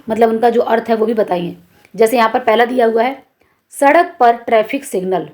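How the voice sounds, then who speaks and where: Woman, teacher, classroom lesson, patient, repeats examples, asks questions, slightly high voice. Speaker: Hindi teacher. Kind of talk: classroom lesson explaining exercises.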